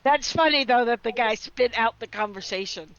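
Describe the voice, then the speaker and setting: A woman's voice: on the high side, normal speed, crowd noise. A woman playing a tabletop game, chatting casually in a hesitant, rambling way. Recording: dull lo-fi audio, faint music.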